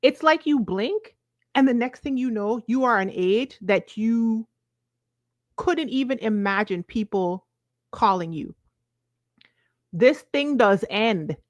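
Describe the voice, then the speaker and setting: A woman's voice: fairly high pitch, expressive, slow, long pauses, dry recording, muffled recording. A woman in her forties with a Virgin Islands accent, giving an emphatic, conversational motivational talk to viewers, often checking in with short questions. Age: 40s. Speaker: self-help coach.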